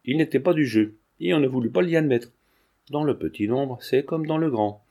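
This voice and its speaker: A man narrating a classic novel as an audiobook in a steady, measured reading. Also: mid-range voice. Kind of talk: scripted narration.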